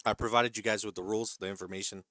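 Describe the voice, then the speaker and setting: A man's voice: lowish voice, steady tone, racing, a bit bright, no room sound, studio quality. A man hosting a live trading stream who reads viewer questions from the chat and explains the rules, often checking in with "right?" and "okay?". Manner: hedging, repeats himself, checks in with "right?" and "okay?". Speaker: stock trading livestream host.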